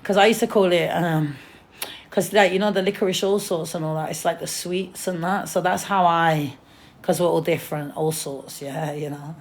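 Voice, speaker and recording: A woman's voice: lowish voice, steady tone, normal speed. A woman chatting casually on a livestream at home in a flamboyant, profane way, often calling people darling. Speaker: artist and vlogger.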